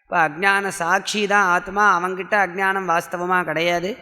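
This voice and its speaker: Man, spiritual discourse, high voice, patient explaining, rhetorical questions, reverberant hall. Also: little pitch movement, moderate pace, pushed and bright. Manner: quotes verses in a classical language. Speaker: scripture lecturer. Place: lecture hall of a religious society.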